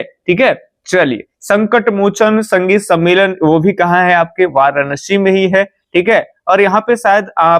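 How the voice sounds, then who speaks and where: Brisk high-voiced Bihari Hindi teacher. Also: male voice, dry recording. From India. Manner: brisk, repeats "theek hai" and "fatafat se bataenge", drawn-out "a" fillers. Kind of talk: exam-prep lesson.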